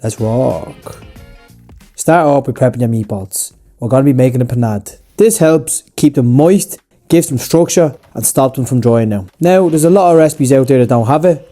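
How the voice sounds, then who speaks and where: A man's voice: mid-range voice, dark tone. A young Irish man hosting his own cooking channel, talking through a recipe in a casual, blunt, chatty way. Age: young adult. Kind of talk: scripted cooking voice-over.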